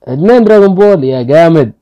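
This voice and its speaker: A man's voice: fairly high pitch, animated, fast talker, lo-fi sound. A man with an Egyptian Arabic accent hosting a casual gaming video, pleading with his luck and grumbling when the results go badly. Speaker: gaming channel host.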